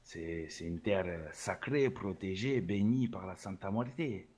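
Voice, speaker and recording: Against a crowd in the background, a man with a deep voice speaks a little slowly as a bragging Salvadoran rap label boss in a role-play interview. He sprinkles his talk with Spanish words and "hein."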